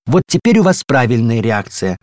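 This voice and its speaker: Reading a storybook, a man puts on a prim, insistent voice for a fussy know-it-all female door handle, pitched above his own natural voice. It's medium in pitch with big swings, normal speed and slightly mellow, and it sometimes drops to a tragic whisper. The studio sound is clean with no echo.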